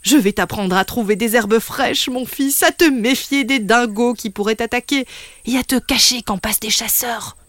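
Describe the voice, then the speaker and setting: Proud father kangaroo, steady and commanding, a woman reading him in a dry storybook. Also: fairly high pitch, moderate pace, no echo, close to an everyday voice.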